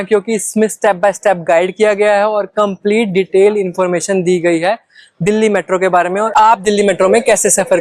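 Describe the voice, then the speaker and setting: A man's voice: sits high, dry recording. A man with an Indian accent giving step-by-step travel guide narration, instructional and mixing in English phrases. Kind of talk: step-by-step explanatory vlog narration.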